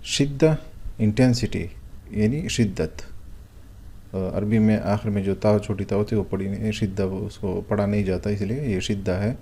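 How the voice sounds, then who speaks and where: A man with a fairly low, mellow voice walks through vocabulary like a patient teacher. He hesitates often with drawn-out fillers before each explanation. He keeps asking a question aloud and then answering it himself. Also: husky. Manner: patient, asks and answers his own questions. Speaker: Arabic teacher. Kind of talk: vocabulary lesson, explaining words one by one.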